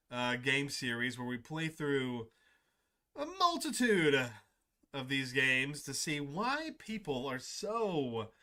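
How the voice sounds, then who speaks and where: Streaming from home into a desk mic, a man with a medium-pitched, sharp-toned voice chats casually and upbeat with his viewers. He rambles and keeps restarting, in typical livestream-chat fashion.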